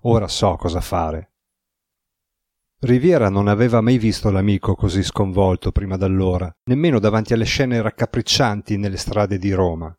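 Low-voiced male audiobook narrator. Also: fairly quick, few pauses, darkish tone, no room sound, clean studio sound. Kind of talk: scripted narration.

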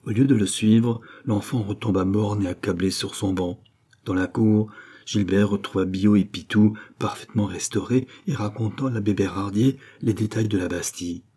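Male audiobook narrator, low and dark-toned, slightly husky, measured delivery. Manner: measured, even storytelling. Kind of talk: scripted literary narration.

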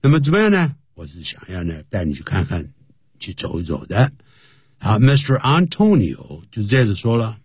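A man with a low, husky voice teaches English phrases in a radio lesson. His pitch jumps up and down a lot as he explains each phrase. He spells words out letter by letter. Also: huge pitch swings, moderate pace, a little mellow, no echo, clean studio sound.

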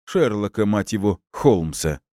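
A man voicing a smug, cynical police colonel who speaks in measured, sarcastic, deliberate words. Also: lowish voice, lively intonation, mellow, no echo, studio quality, voice pushed up. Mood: dismissive.

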